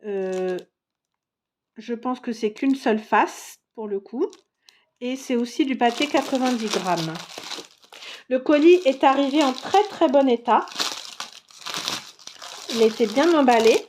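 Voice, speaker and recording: A woman vlogger chatting casually through a scrapbooking paper haul, with many fillers and pauses as she browses. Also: on the high side, lively intonation, noisy background. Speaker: craft vlogger showing a haul. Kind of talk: casual show-and-tell.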